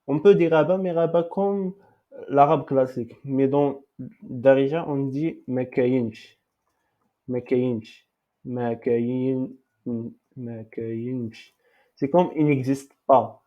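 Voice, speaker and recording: Very slow, hesitant male language teacher. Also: mid-range voice, highs cut off. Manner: hesitant, many fillers and restarts, repeats each word several times. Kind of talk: slow explanatory lesson with repeated example words.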